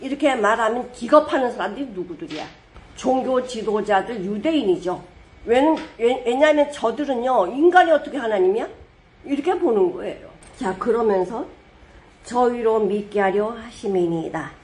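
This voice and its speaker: Lively, high-voiced woman pastor preaching. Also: normal speed. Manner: lively storytelling, rhetorical questions, sudden loud dramatic quotes. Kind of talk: sermon.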